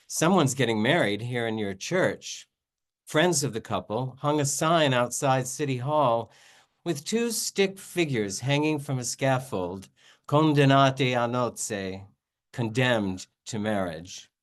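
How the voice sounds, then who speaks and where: A man reading his own poems at a literary reading, with casual spoken introductions between them. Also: medium pitch. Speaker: poet reading own work.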